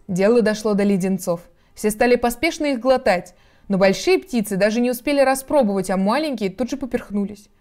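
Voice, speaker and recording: A woman narrating a children's storybook in a calm, expressive, measured way. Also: mid-range voice. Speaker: reader.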